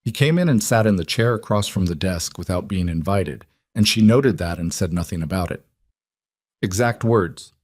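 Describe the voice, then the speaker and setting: Low-voiced man narrating a story. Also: animated, a little fast, few pauses, a little mellow, no room sound, clean studio sound. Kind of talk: scripted audiobook narration.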